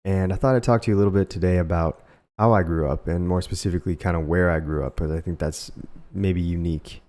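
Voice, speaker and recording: A young man, a singer-songwriter raised in Alaska and Costa Rica, casually telling a reflective story to camera with pauses and fillers. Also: low-pitched, steady tone, mellow.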